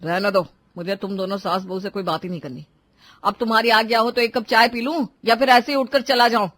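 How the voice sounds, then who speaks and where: Actor voicing a young cartoon husband, sulky, sarcastic, short-tempered, mid pitch. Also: steady tone, brisk, a bit bright, natural voice. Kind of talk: Hindi cartoon voice acting.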